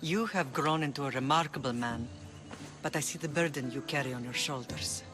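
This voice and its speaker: With a rumbling low voice and a slightly quick pace, an actress plays a middle-aged mother who rules an island in a video game cutscene. She comes across as composed and commanding, and music plays in the background.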